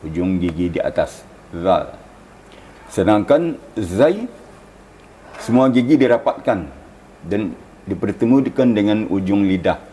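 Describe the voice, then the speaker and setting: A man teaching Quran recitation on a TV programme, with a deep, low and mellow voice. He explains patiently and stretches example words into slow chanted demonstrations. Faint noise sits behind him. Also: lively intonation. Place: television studio.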